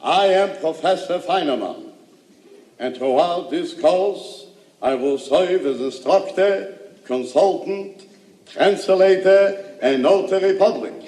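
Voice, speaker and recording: A man's voice: sits high, slow pace, warm tone. An actor playing a pompous male professor who lectures a class with theatrical, punchline timing, on an old comedy record. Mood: mock-solemn. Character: pompous male professor running a crash course. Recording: echoey, distant, noisy old comedy record.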